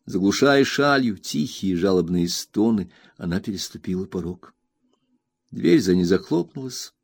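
A man reading a novel aloud as narrator, measured and expressive. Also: mid-range voice, creaky, no room sound, clean studio sound. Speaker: audiobook narrator. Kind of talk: scripted narration.

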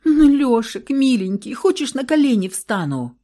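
Audiobook: a shrill, hot-tempered young heroine, read by a woman, high, swinging, loud delivery. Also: big pitch swings, unhurried. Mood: pleading. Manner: shrill, outbursts of hysterics. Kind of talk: audiobook role reading.

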